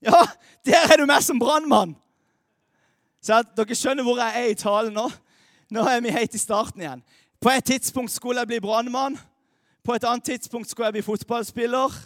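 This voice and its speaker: A young man, a youth pastor, gives a lively, chatty sermon to young people, joking with the audience. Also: very high voice. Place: church hall. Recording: dry close mic with long hall reverb.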